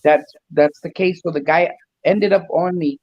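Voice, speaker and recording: A man's voice: on the high side, steady tone, normal speed, no echo, highs cut off. A man casually telling a long story on a talk show, mixing in a few Spanish words and acting out what other people said. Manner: rambling, acts out the people in his stories, drops Spanish words. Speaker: guest, custom truck builder.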